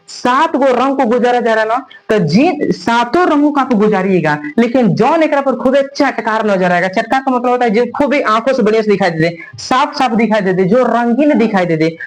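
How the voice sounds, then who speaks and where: High-voiced physics teacher with tinge. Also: male voice, low-quality recording. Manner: repeats questions and has students answer, calls them "babu". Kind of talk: classroom lecture.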